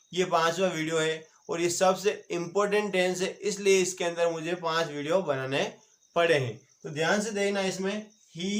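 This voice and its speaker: A man from India giving an online grammar lesson, quizzing viewers with repeated questions and answering them himself. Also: a little high. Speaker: teacher. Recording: roomy echoey home recording.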